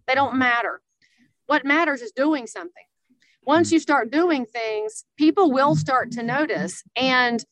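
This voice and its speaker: A woman's voice: sits high, a bit bright, no room sound, low-quality recording. A woman with a Southern American accent giving conversational coaching in a blunt, folksy, emphatic way. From Southern United States. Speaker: social media coach for realtors, guest.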